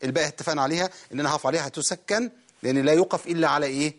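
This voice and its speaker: A man with an Egyptian Arabic accent teaching Quran recitation in a TV studio lesson, quizzing viewers quickly and then drawing out the words slowly. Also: a little high.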